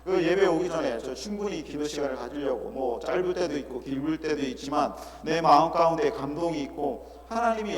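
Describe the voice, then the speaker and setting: Middle-aged guy preaching, kinda high voice, lots of rhetorical questions, big echoey church hall with people around. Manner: earnest, rhetorical questions, drops to soft asides. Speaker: pastor. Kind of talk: sermon. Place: church sanctuary.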